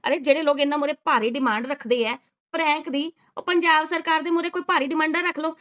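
A woman's voice: sits high, steady tone, fast talker, fairly bright tone, dull audio. A woman doing sarcastic reaction commentary, scolding and mocking with rhetorical questions. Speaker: reaction vlogger.

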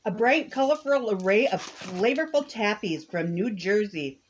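A woman's voice: mid-range voice, lively intonation, normal speed, a little hiss or hum. Dry-voiced woman reading snack blurbs. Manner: reads product blurbs aloud, short dry verdicts. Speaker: snack box reviewer. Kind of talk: casual taste-test chat. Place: living room couch, indoors.

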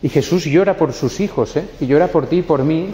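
Man, priest, homily, relaxed mellow voice, chatty, echo of a large church. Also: a little high, a little fast. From Spain. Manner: conversational, keeps adding a tag "eh?". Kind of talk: homily at a memorial mass. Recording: long church reverb.

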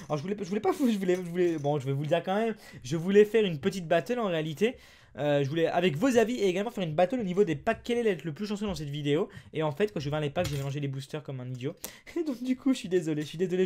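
In this relaxed unboxing talk, a man with a French accent walks through his card packs using a bouncy, sing-song delivery that sits high. When a good card appears, he breaks into enthusiastic exclamations to his viewers.

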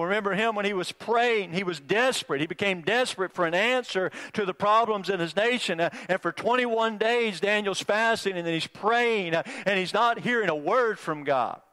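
A male pastor preaching a sermon, halting with many fillers and restarts, calling on members of the congregation by name and swinging between loud urging and low hushed passages. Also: smooth.

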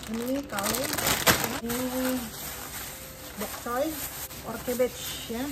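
A woman's voice: on the high side, steady tone, slow, very noisy. A woman in her thirties chatting casually in her home kitchen as she unpacks groceries, often searching for words and mixing in English terms, recorded on a phone camera. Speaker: vlogger. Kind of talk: casual grocery unboxing vlog. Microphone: phone camera at arm's length. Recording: loud music under the voice. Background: loud background music and crinkling bags.

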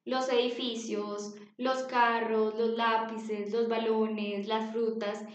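A woman's voice: a little high, little pitch movement, slow. A woman teaching an English lesson to young children, patient, repeating words for them to copy. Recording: dull, echoey home recording.

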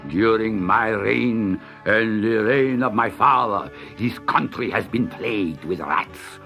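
A man voicing a grand male sultan who speaks slowly and lordly, for a storybook reading. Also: gravelly, bright, forceful tone, faint music behind, exaggerated voice. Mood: amazed. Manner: slow, booming and lordly. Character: grand, slow-spoken male sultan, booming.

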